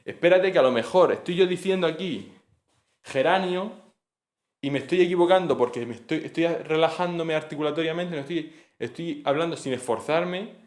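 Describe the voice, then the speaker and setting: A man giving an informal exam-prep lesson, chatty and thinking aloud, with frequent tag questions and self-corrections. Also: a little high. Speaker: teacher. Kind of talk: casual exam-prep lecture.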